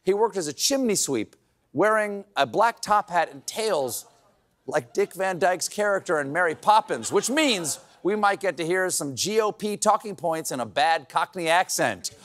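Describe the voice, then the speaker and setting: A man's voice: high-pitched, expressive, moderate pace, fairly bright tone. A male late-night comedy host giving a monologue in a dry, sarcastic manner.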